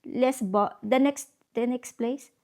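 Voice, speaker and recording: A woman's voice: on the high side, takes it slowly, darkish tone. A woman vlogger chatting casually, telling a story with lots of fillers and switching into English. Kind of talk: casual vlog chat.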